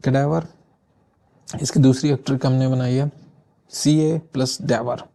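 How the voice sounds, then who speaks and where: Gravelly-voiced man teaching vocabulary. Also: mid-range voice, fairly even intonation, slow, dark tone. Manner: often adds filler checks like "theek hai". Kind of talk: casual exam-prep vocabulary lesson.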